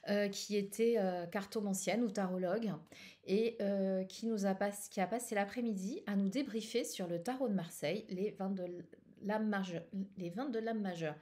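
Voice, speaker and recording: Hesitant French-speaking woman, mellow voice. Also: mid-range voice, normal speed. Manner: hesitant, many fillers and restarts. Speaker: tarot channel host. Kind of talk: casual personal chat.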